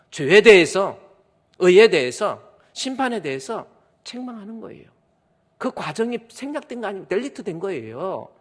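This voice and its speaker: A male pastor preaching a sermon, swinging from hushed asides to loud urgent appeals and acting out quoted voices. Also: high-pitched. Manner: preaching with dramatic swings, mimics voices and whispers. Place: church sanctuary. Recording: church hall reverb.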